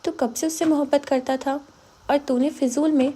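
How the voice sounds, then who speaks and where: A playful young man who teases and prods his friend, as a woman narrator puts him on. The voice is high and mellow. He talks in a lively, joking way. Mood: teasing. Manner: teasing, playful.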